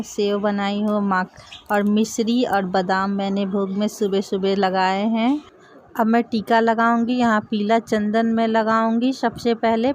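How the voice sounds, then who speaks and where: A woman calmly showing a home worship routine step by step, speaking gently and affectionately. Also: a little high. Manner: gentle, affectionate, speaks softly to the idols as to babies. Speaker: devotional home vlogger. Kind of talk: calm step-by-step ritual demonstration. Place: home puja area, indoors.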